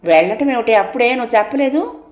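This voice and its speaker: A woman voicing a bold, talkative young wife who scolds and teases in a quick, playfully bossy way. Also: fairly high pitch, lively intonation, darkish tone, muffled recording, pitched above the performer's own voice, close to an everyday voice. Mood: scolding. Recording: roomy echo.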